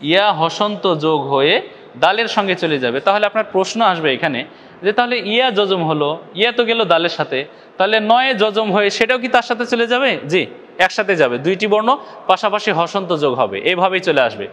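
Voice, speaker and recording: In a step-by-step recitation lesson, a man with a high, light, expressive and fairly bright voice teaches the rules patiently and methodically. He explains slowly, often addressing his "dear viewers" directly, breaking each rule into small steps and drawing out sample recitations.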